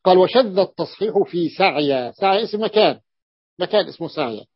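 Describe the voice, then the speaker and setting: A man teaches a grammar lesson as a sheikh, going over each rule slowly and repeating his phrases. His voice sits a little high. The recording is dull and dry, with no room echo. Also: expressive, slightly rough. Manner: repeats phrases, stretches words, often confirms with a short "yes". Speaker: sheikh teaching Arabic morphology. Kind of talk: classroom lecture explaining a text.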